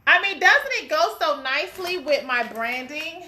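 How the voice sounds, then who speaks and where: A woman in a casual live video, excitedly showing off packages that came in and greeting viewers by name, repeating herself often. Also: high-pitched, normal speed. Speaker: business owner showing products. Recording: echoey room, faint background noise.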